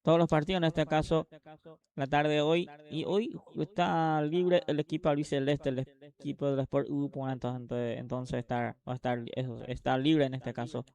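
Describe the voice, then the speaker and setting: A man's voice: a little high, level tone, moderate pace, darkish tone. A man with a Paraguayan accent giving live match analysis as a football co-commentator.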